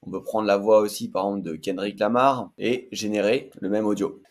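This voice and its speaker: A man's voice: lowish voice, steady tone, a little fast, a little mellow. A man hosting a casual screen-share tutorial, chatty and hesitant with frequent fillers. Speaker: tech tutorial host.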